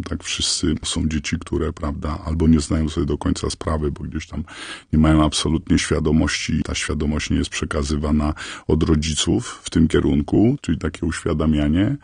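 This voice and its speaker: A man whose voice is altered to disguise him for anonymity. He speaks haltingly and earnestly as a parent guest in a radio interview. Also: creaky, darkish tone, breathy edge, no echo. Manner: halting, earnest, searching for words. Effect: voice electronically altered and lowered to stay anonymous.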